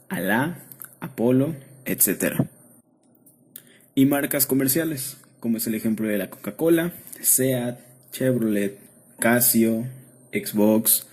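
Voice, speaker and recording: Husky-voiced man reading a lesson. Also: mid-range voice. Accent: Mexican. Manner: steady, measured reading of rules and word lists. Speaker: student presenter. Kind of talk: read-aloud lesson narration.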